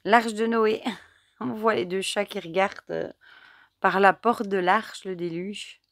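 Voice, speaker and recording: A woman's voice: mid-range voice, steady tone, unhurried, a bit bright, dry recording, studio quality. A woman casually reviewing an oracle card deck for her channel, chatty and enthusiastic, with lots of fillers, reading the guidebook aloud at times. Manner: chatty, enthusiastic, many fillers like euh and du coup.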